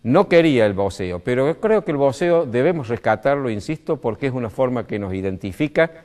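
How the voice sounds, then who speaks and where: A man's voice: mid-range voice, lively intonation, a little fast, a little mellow. An Argentine man with a Córdoba accent, explaining grammar in a didactic way, full of "este" fillers and rising stresses. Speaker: speaker on language. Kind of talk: explanatory talk.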